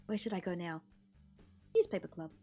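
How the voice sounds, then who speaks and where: Streaming a visual novel, a woman reads the game text aloud expressively and tosses in casual, offhand remarks. Her lowish, mellow voice moves at a moderate pace, with game music playing behind it.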